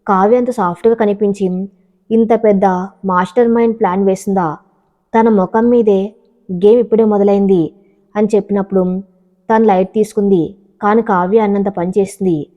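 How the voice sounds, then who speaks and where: A woman's voice: mid-range voice, fairly even intonation, normal speed, long pauses, mellow. Woman narrating a drama in a hall. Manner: reads all characters' quoted lines in her own voice. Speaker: storyteller. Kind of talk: scripted narration of a family drama. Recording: dull lo-fi audio with a long echo.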